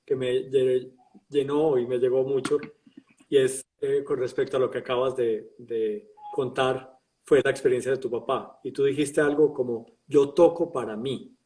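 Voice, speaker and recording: Interviewer a bit off-mic. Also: male voice, mid-range voice, level tone, moderate pace, a little mellow, distant mic, poor audio. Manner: thoughtful, hesitant, paraphrasing the guest.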